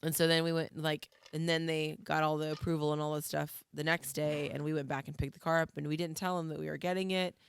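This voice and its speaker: A woman in her thirties talks easily as a podcast co-host, her voice hoarse and raspy from a recent illness. The sound has a gravelly, fried edge. The recording is dry and close. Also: sits low, flat delivery, quick pace, few pauses, no room sound. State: hoarse after being sick. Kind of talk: casual chat.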